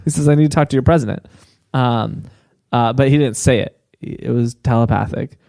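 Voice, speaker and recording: A man's voice: medium pitch, a little fast, creaky, dark tone, dry recording. A man co-hosting a podcast, telling a story in casual chat and laughing often. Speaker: podcast co-host.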